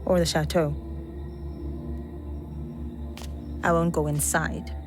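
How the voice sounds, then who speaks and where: A woman's voice: low voice, little pitch movement, moderate pace, music in the background, lightly acted. Woman acting a defiant, grave young female fighter. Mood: reluctant. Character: determined young woman, escaped slave turned fighter, defiant. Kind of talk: animated series dialogue.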